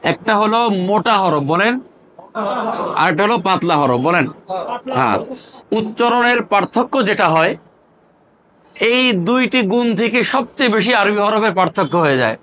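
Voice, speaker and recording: With a high, sharp voice and lively intonation, this Bangladeshi teacher leads a Quran recitation class at a moderate pace, pausing often. He repeatedly poses questions, has the students answer aloud and drills terms in chanted repetition.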